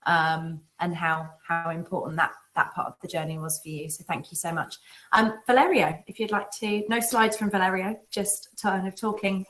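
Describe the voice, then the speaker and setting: A woman's voice: lowish voice, a bit bright. A woman moderating an online meetup, thanking a speaker and introducing the next one in an upbeat way. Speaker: event host.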